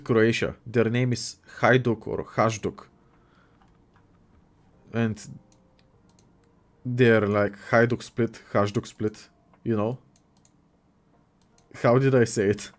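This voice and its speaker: A young man hosts a laid-back livestream, reading viewers' chat aloud and reacting in a chatty, joking way. He's from Bulgaria and speaks Bulgarian natively, with a mid-range voice, fairly even intonation, a slow pace, and long pauses.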